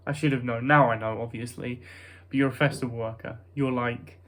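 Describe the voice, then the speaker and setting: A young British vlogger speaks in a nasal, middling-pitched voice that's fairly bright and steady, moving a little fast. He rambles casually, sounding self-conscious and hesitant, frequently abandoning a thought midway to start on another.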